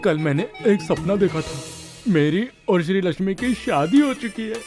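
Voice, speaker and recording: A man's voice: high voice, normal speed, over music, close to an everyday voice. A man voicing a lovesick, boastful villager. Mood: chatty. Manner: chatty, boastful. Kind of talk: dubbed film acting.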